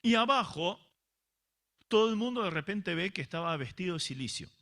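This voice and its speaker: A man's voice: high-pitched, expressive, moderate pace, bright, forceful tone. A man preaching a sermon as pastor, asking rhetorical questions and often restarting his phrases.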